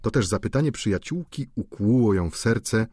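A man narrating a classic novel as an audiobook, with an expressive, measured delivery. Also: fairly low pitch, no echo, clean studio sound. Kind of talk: literary audiobook reading.

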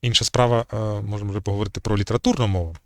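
A man's voice: fairly low pitch, fairly even intonation, racing, fairly bright tone, no echo, clean studio sound. A man giving an unscripted talk on language history as channel host, hesitating often with fillers and restarts.

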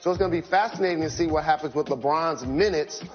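A man giving studio sports analysis in a measured, explanatory way. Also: on the high side. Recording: dull broadcast audio with music.

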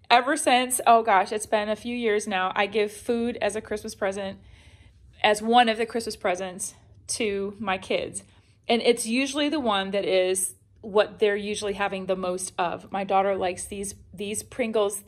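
A middle-aged woman chats her way through a grocery haul at home, upbeat and chatty. She is recorded on a handheld phone, and her talk is loose, full of ums and restarts. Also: mid-range voice. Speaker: vlogger showing a grocery haul. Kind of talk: casual chatty haul narration. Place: home kitchen or dining room, indoors.

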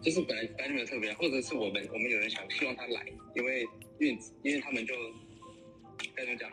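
A man chatting casually on a voice call, haltingly, often repeating his phrases. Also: mid-range voice, pushed and bright, faint music behind, poor audio. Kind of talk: casual chat.

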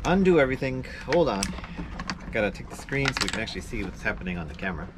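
A man in his thirties talking casually to the camera as a sailing vlogger, relaxed and chatty with small laughs, recorded aboard a small boat. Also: fairly low pitch, fast, noisy background. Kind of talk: casual vlog narration. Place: small boat cabin and deck.

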